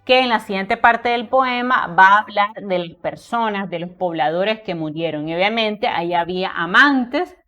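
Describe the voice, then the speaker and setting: A woman teaching a poetry lesson, explaining meter step by step and counting syllables aloud slowly. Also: medium pitch, pushed and bright. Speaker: literature teacher.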